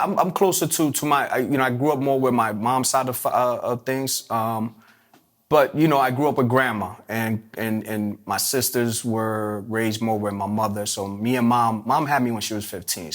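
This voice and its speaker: A man from Puerto Rico, telling his life story in an interview with many fillers and restarts. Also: mid-range voice. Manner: halting, many restarts and fillers, streetwise phrasing. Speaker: interview guest.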